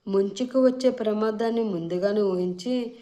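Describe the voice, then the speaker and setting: A woman's voice: mid-range voice, moderate pace, warm tone, natural voice. A woman voicing a flustered young husband who talks in panicky, whiny exclamations. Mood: astonished.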